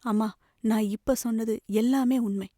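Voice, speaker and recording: A woman's voice: fairly high pitch, fairly even intonation, unhurried, mellow, no room sound, clean studio sound. A woman reading as a caring elder brother. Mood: pleading. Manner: tender, earnest pleading. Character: young man, caring protective elder brother. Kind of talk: audiobook novel reading.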